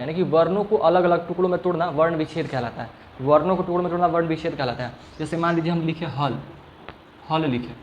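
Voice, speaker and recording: This clip captures a male grammar teacher in a classroom, asking one question repeatedly and elongating sounds to show how they work while often checking comprehension. His voice is a little high. The recording is muffled, with some slight background noise.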